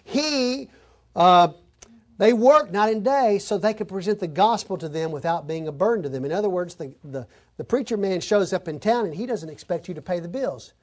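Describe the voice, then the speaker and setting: High-voiced man preaching verse by verse. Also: lively intonation, normal speed. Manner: folksy storytelling with asides; reads scripture then explains it. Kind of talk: expository sermon.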